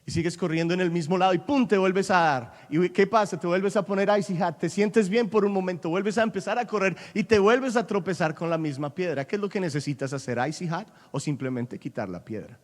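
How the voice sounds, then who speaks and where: A male pastor delivers an animated sermon in a somewhat high voice, now and then slipping into English and climbing to loud, emphatic peaks. His voice rings with the long reverb of a large church hall. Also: brisk, hardly any pauses. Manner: animated preaching, switching between English and Spanish, rising to loud peaks.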